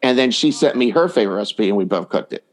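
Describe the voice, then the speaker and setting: His voice is on the low side, expressive and quick as he chats informally and enthusiastically. He's a dating coach appearing as a guest in a casual conversational interview, giving advice and acting out imagined quotes.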